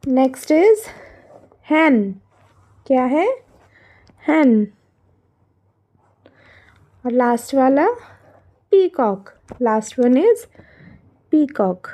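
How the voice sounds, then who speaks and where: A woman's voice: high-pitched, sing-song, extremely slow, pauses often, mellow. A woman with an Indian accent teaching young children from a workbook, switching between Hindi and English, asking questions and answering them herself. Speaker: primary school teacher.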